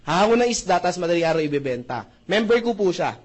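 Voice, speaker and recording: A man's voice: high-pitched, very animated, fast. A man presenting a marketing plan at a seminar, joking with the crowd, speaking politely and often checking that listeners agree. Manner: joking, keeps asking the audience "tama ba?"; polite, addresses the crowd with "po" and "mga brother, mga sister". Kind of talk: lively seminar presentation mixing Tagalog and English.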